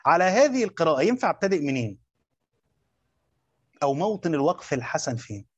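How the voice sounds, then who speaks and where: A man's voice: a little high, big pitch swings, fast talker, husky, no room sound, muffled recording. A man with an Egyptian accent teaching a class on Quranic exegesis, repeating his points and quizzing his students. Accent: Egyptian Arabic. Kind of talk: classroom lecture.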